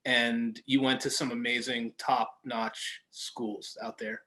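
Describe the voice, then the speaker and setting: A man hosting a podcast, warmly encouraging his guest with eager reactions in a casual interview. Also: mid-range voice, little pitch movement, slow. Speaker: podcast host.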